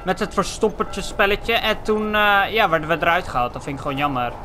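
A young man from the Netherlands giving excitable, foul-mouthed let's play commentary, tossing in English slang. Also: sits high, fairly quick, noisy background. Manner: excitable, swears a lot, drops English slang. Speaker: gaming channel host.

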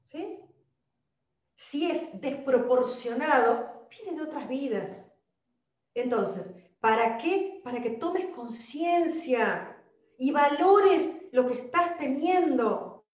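Animated Argentine woman, echoey live-stream. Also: high voice, slow, distant mic, lo-fi sound. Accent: Argentine Spanish. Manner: animated, emphatic, addresses viewers directly. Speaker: holistic wellness host. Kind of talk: live-stream spiritual talk.

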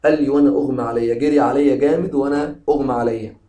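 A male English teacher with an Egyptian Arabic accent, explaining a novel to his students. He reads English lines slowly and then explains them quickly in colloquial Arabic. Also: mid-range voice, steady tone, mellow, roomy sound. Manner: switches between slow English reading and quick colloquial explanation.

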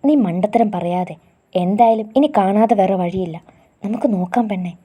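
A woman voicing a brisk comforting girl friend. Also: medium pitch, dark tone, breathy edge, close to an everyday voice. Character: supportive young woman friend.

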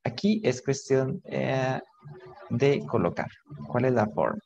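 A male teacher explains English grammar slowly and patiently, repeating each word. His voice is gravelly, and faint background noise with keyboard clicks sits under it. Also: medium pitch, darkish tone, muffled recording. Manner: slow, patient, repeats words and translates between English and Spanish. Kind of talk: online English grammar lesson.

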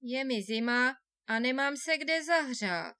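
A woman's voice: high voice, lively intonation, pushed and bright, no echo, clean studio sound. A woman reading a fairy tale, voicing a poor, hungry peasant man who laments and pleads humbly. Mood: pleading.

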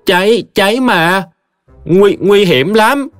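A man's voice: high-pitched, animated, slow, smooth, big-room sound, soft background music, voice pushed up. A man shrieking as a frantic mad village girl. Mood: alarmed.

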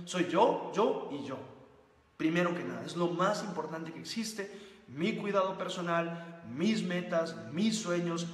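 A man hosting a motivational livestream, speaking emphatically and repeating phrases and rhetorical questions. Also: a little high. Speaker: host of a live book-review stream. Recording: echoey room with long reverb.

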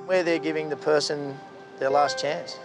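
An Australian lifeguard talks candidly, a man with a slightly high voice. Strong music runs behind him as he speaks. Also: fairly even intonation, moderate pace. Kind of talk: candid documentary talk.

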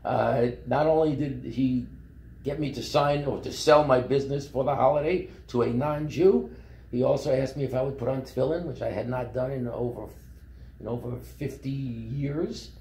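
A man recounts his life in a loose, rambling way, full of fillers and restarts. His voice is dark and mellow. It was recorded on a phone across a table in an echoey office with a faint hum behind it. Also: mid-range voice, moderate pace. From Brooklyn, New York. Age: 70s. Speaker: company founder. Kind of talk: interview storytelling. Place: office meeting room.

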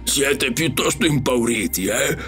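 A man voicing the calm, wise Wub. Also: medium pitch. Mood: reasoning. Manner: calm, reflective, measured. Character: calm pig-like alien beast, wise, ironic. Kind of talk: audiobook character reading. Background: faint music.

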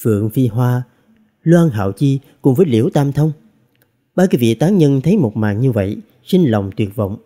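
A man narrating a fantasy novel as an audiobook reader, with expressive storytelling. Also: medium pitch, normal speed.

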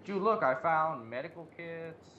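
Casual co-op gameplay chat from a man with a slightly high, expressive voice who talks a little slowly. He uses slang, swears, and blurts out reactions to his finds, all captured on a muffled lo-fi mic with background noise.

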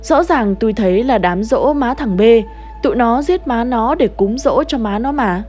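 A woman's voice: on the high side, lively intonation, normal speed, darkish tone, soft background music, voice pushed up, natural voice. A woman voicing a frightened older village wife, agitated and pleading. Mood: fearful.

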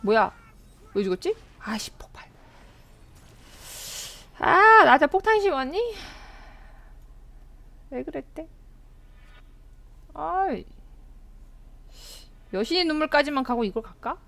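A woman streaming a game, excitably commenting, yelping and chattering at her own play. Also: high-pitched, slow pace, gravelly, pauses often. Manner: excitable, yelps and chatters at the screen. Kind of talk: live gameplay commentary.

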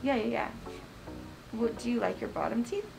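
A woman's voice: on the high side, animated, moderate pace, gravelly, over music, poor audio. A woman dentist talking through a face mask, explaining treatment to a patient in a chatty, reassuring way. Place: dental office.

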